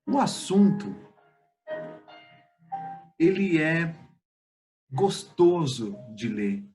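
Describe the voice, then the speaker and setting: A man with a Brazilian Portuguese accent giving a spiritist study lecture, speaking in a measured, halting way with pauses and filler sounds. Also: a little high, very animated, mellow, faint music behind.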